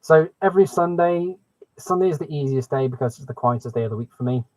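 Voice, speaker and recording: A man's voice: fairly high pitch, quick pace, a little mellow. A man hosting a casual hobby live stream, chatting enthusiastically to viewers through a muffled microphone. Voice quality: muffled sound. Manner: enthusiastic, exclaiming. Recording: muffled microphone, dry close sound.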